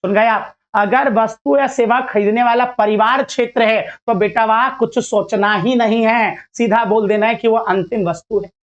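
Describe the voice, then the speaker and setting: A man's voice: sits high, steady tone, normal speed, few pauses, highs cut off. A male teacher giving a casual lecture to students, chatty and playful, acting out little dialogues as he explains.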